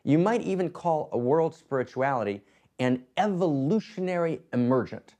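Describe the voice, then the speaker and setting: A man's voice: a little high, expressive, normal speed, mellow. A man giving a spiritual teaching talk, emphatic, often tagging his points with rhetorical questions. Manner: emphatic, frequent rhetorical "right?".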